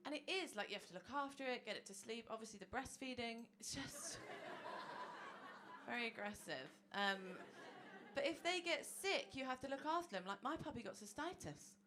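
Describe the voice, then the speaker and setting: A woman's voice: on the high side, lively intonation, normal speed, sharp tone. A woman in her thirties doing a chatty, self-mocking stand-up set, laughing through her own jokes on a comedy club stage. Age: 30s. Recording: noisy live club recording.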